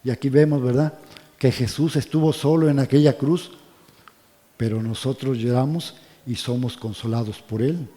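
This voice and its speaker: A man leading a church Bible study, often asking the listeners questions and dropping to soft, quiet tones on solemn points. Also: mid-range voice, fairly even intonation, moderate pace. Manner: asks the congregation questions, checks in with "¿verdad?". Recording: long reverb of a church hall.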